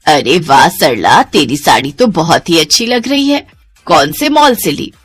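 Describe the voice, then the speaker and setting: An admiring older woman friend, as a woman puts her on, pitched very low and drawling. She speaks in slow, drawn-out praise. It suits a cartoon family drama. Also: sing-song, husky, faint music behind, heavily acted.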